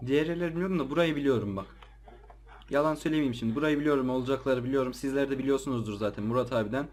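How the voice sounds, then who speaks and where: Male gamer, mid-pitched voice, nervous chatter, quick to yelp when spooked. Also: a little mellow. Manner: jumpy, easily startled, slangy chatter to viewers. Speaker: let's play gamer. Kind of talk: casual gameplay commentary.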